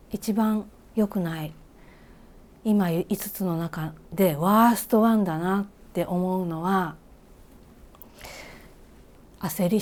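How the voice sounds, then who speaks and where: A woman with a lowish voice and a Kansai accent teaches reiki in an easygoing spoken lesson. Along the way she asks the listener questions and adds gentle whispered asides.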